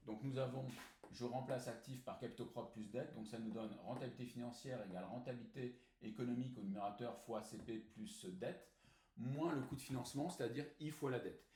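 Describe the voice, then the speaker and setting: A man teaching a finance lesson step by step, methodical and often pausing on fillers as he works through a formula. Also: mid-range voice, mellow. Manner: methodical, frequent hesitant fillers. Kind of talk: recorded whiteboard lesson. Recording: echoey room, faint noise.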